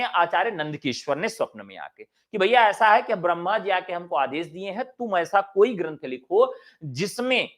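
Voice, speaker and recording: High-voiced man teaching, asks questions then answers them. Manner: chatty, jokes and sings a line of a folk song. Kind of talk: exam-prep lecture.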